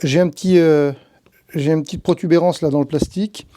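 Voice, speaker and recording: A man in tree work runs a laid-back hands-on tutorial, explaining steps conversationally and reasoning out loud as he manages the gear. His voice is a little high and a little fast, dark in tone, with fairly even intonation.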